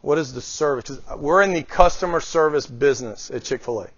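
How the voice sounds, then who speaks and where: A man's voice: a little high, fairly quick, dry recording. A middle-aged man speaking as a guest speaker, giving a motivational talk on leadership and often putting questions to his audience. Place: small room before a live group. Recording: dull lo-fi, dry sound.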